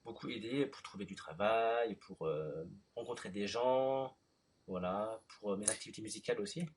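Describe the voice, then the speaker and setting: A man from France in his thirties, interviewing a guest in relaxed chat with lots of fillers. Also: lowish voice, moderate pace, a little hiss or hum. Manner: relaxed, many fillers and short backchannels.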